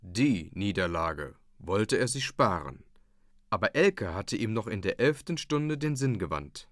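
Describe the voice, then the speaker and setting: A man reading a story aloud in a scripted narration style, lively and voicing the characters' quoted lines. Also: fairly low pitch, unhurried, no echo, clean studio sound. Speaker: audiobook reader.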